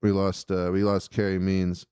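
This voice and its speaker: A man's voice: sits low, completely flat delivery, normal speed, darkish tone, clean tone, no echo, studio quality. A man hosting a call-in show, asking questions eagerly with lots of fillers. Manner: eager, rambling, many fillers. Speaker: host. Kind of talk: casual call-in interview.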